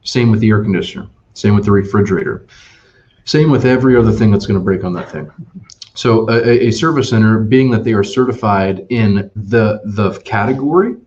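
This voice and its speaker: A man, an RV salesman appearing as a guest on a webinar, tells customer stories and makes his sales pitch in an animated, emphatic way with many restarts. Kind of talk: storytelling sales talk. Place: Ohio dealership office. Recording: dull lo-fi webinar audio.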